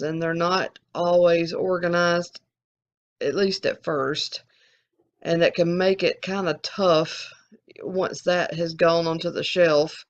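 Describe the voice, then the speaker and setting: A sports card channel host from Alabama, an adult who's collected since the eighties, answers viewer questions casually in a gravelly Southern accent. He rambles candidly and restarts often, his voice medium-pitched with the highs cut off.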